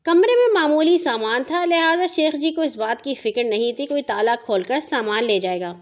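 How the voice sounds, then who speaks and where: A woman narrating a children's audio story in a calm, measured reading voice. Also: high voice.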